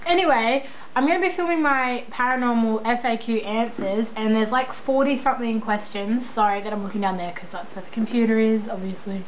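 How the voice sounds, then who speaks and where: Young Australian female vlogger, high voice, informal and rambling, dull lo-fi recording. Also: a little fast, few pauses. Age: young adult. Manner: rambling, self-deprecating, informal. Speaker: vlogger answering viewer questions. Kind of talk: casual chat. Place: indoors at a computer. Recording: dull lo-fi sound, faint background noise.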